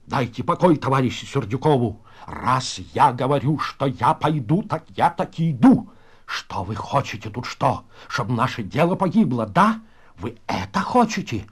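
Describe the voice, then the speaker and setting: A man voicing a nervous but fierce prison elder with Yiddish-flavoured speech, urging hushed and commanding in sharp cries. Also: sing-song, normal speed, husky. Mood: shrill commanding. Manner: hushed and urgent, then shrill commanding shouts.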